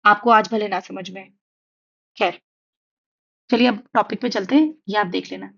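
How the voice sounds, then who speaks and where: A woman's voice: mid-range voice, moderate pace, creaky, a bit bright, lo-fi sound. A young woman teaching an online exam-prep lecture, chatty and reassuring, often checking in with her students. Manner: chatty, reassuring, asks "theek hai?" often. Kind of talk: online lecture in Hindi-English mix. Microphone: writing on a tablet while teaching.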